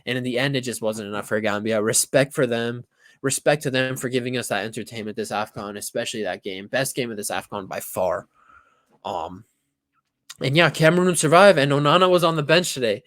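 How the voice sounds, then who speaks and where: A young man in casual, excited talk about a football match, acting out his reactions and swearing freely. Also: mid-range voice, a little fast, no echo, clean studio sound. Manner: animated, swears, acts out reactions.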